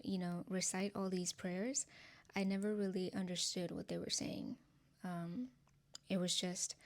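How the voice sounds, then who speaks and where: With a fairly low pitch, this woman, a native Nepali speaker from Nepal in her twenties, offers her channel's viewers her personal testimony. She speaks softly and earnestly, with frequent ums and light laughs.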